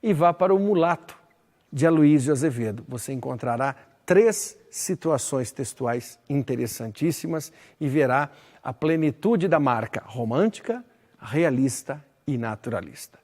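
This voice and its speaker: A man's voice: fairly high pitch, darkish tone. A man teaching a literature lesson, explaining verse and addressing the listener directly with emphatic stresses. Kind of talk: recorded lesson. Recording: long hall reverb.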